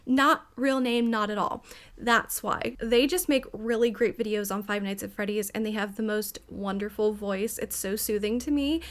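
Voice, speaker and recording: A young woman who makes gaming videos chats casually while narrating a game build, her voice fairly high-pitched. Over-caffeinated and excitable, she rambles from thought to thought and giggles often between phrases.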